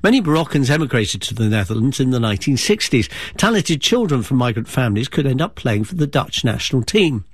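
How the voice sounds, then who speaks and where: A man presenting radio news and interviewing a guest, measured, clear and conversational. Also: mid-range voice, sing-song, no room sound, clean studio sound.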